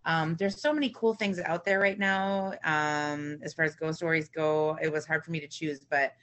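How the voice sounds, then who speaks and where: Woman co-host, low voice, hedging casual chatter. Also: steady tone, normal speed, a bit bright. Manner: hesitant, hedging with fillers. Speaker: podcast co-host. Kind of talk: casual chat.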